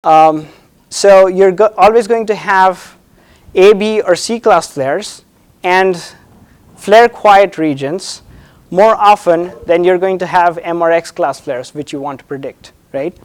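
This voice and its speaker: A doctoral candidate defends his academic thesis haltingly and hesitantly, often repeating words and checking in with "right?". His voice sits high, with a clear, resonant tone.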